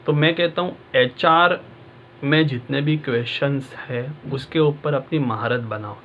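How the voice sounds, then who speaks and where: A man's voice: mid-range voice, unhurried, lo-fi sound, slight background noise. A male exam-prep tutor talking casually and directly to his students, in a conversational coaching manner.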